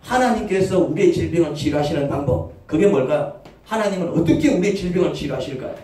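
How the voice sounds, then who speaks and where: A man's voice: fairly high pitch, expressive, quick pace, warm tone. A man preaching a sermon as pastor, firing off rhetorical questions and acting out short quoted voices. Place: church sanctuary. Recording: echoey church hall, voice from far off the mic.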